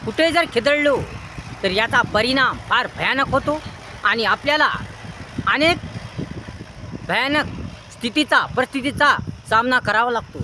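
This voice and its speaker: A man's voice: extremely high pitch, unhurried, long pauses, noisy background. A man giving a preachy moral talk, listing near-synonyms in long repetitive chains. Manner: earnest, preachy. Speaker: motivational speaker. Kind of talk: moral advice monologue.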